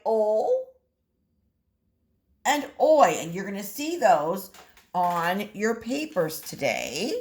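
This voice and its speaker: A woman teaches kindergarten phonics at a very slow, deliberate pace. Her pitch swings freely as she stretches and repeats single words with exaggerated emphasis. She speaks straight to the children in an encouraging way. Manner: sounds out words slowly and repeats them. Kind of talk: phonics lesson addressed to young children.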